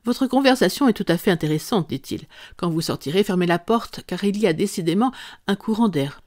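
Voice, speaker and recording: A reader voicing a calm, ironic male detective who lays out his reasoning in an audiobook. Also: medium pitch, fairly quick, no room sound, lightly acted. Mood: composed, amused. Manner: composed, dryly amused, explanatory. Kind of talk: audiobook character reading.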